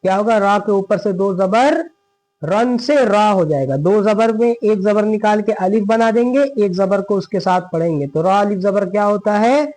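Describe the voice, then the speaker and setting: A man with a fairly high voice teaches a recitation lesson at a steady, patient pace. He keeps asking questions and answering them himself. For each example verse he slows into a long, drawn-out chant. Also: low-quality recording. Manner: patient, repetitive, asks and answers his own questions.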